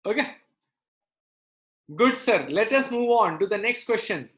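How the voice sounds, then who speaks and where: A man's voice: high voice, lively intonation, a little slow, a bit bright. Man teaching maths online. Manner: explanatory, checking in with students by questions. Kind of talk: live online lesson, working through problems aloud. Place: indoor room, live online class.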